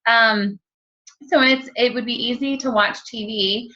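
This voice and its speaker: A woman in her thirties talking fast and casually at home about motivation, with lots of ums and you-knows. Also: on the high side, fairly even intonation, pushed and bright. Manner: quick, chatty, many ums and you-knows. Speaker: network marketing team leader. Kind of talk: casual motivational talk to camera. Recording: dull lo-fi home recording.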